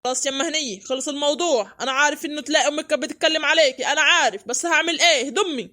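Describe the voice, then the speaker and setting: A voice actor playing a harried young village husband, pleading for calm in a cartoon. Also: high voice, racing. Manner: pleading, exasperated peacemaker.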